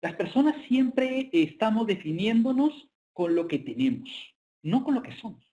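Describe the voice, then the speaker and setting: A man's voice: high voice, big pitch swings, normal speed, warm tone, dull audio. A man giving an online business lecture with slides, speaking hesitantly with frequent filler sounds.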